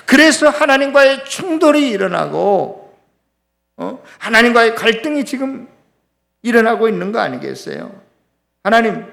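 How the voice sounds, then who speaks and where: A man's voice: very high voice, creaky, fairly bright tone. A man preaching a sermon as pastor, impassioned, acting out complaints and putting questions straight to the congregation. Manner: impassioned, acts out complaints to God in raised voice; asks the congregation questions directly.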